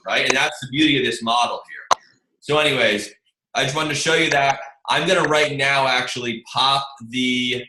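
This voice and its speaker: Hosting an online team meeting, this male marketing presenter makes a casual sales pitch over a group video call, chatty and rambling, calling everyone "you guys." His mid-range voice sounds pushed and bright. The video-call audio has a roomy echo, faint noise, and clicks.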